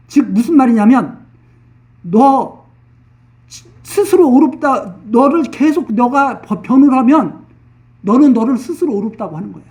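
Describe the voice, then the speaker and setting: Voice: mid-range voice, darkish tone, far from the mic. Preacher explaining scripture plainly, repeating phrases. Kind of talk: expository Bible sermon.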